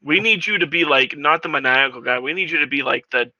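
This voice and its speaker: A man co-hosting a movie podcast, talking in an animated, mocking way with quick laughs. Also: a little high, dry recording. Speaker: podcast co-host. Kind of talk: casual movie chat. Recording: dry, dull lo-fi mic.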